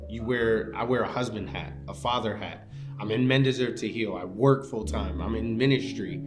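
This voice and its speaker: A man reflecting earnestly in a testimonial interview. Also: medium pitch. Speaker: program participant. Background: guitar music.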